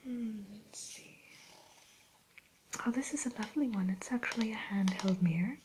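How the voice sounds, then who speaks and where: A woman playing a haughty evil fairy-tale queen turned shopkeeper in a breathy ASMR whisper, speaking in a genteel, unhurried way. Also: a little high, background noise, lightly acted. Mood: genteel, disdainful. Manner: genteel, aloof, unhurried, hesitant pauses.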